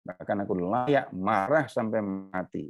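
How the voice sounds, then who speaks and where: A man's voice: on the low side, unhurried, faint music behind. A man voicing the prophet Jonah, sulking and stubbornly insisting on his anger. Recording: dull, dry lo-fi recording.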